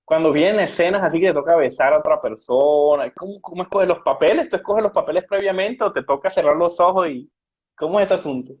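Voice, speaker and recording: Host, male, slightly high husky voice, conversational questioning. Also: quick pace, darkish tone. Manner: asks questions, brief affirming interjections. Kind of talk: casual interview. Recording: husky, dull lo-fi sound.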